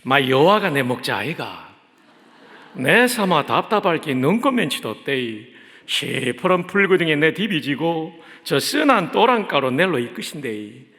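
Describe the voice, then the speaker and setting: A male preacher voicing a gruff, homely man with a Gyeongsang accent, brusque and folksy. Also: on the high side, sing-song, moderate pace, bright, forceful tone, full character voice. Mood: boastful. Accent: Gyeongsang dialect of Korean. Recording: echoey church hall.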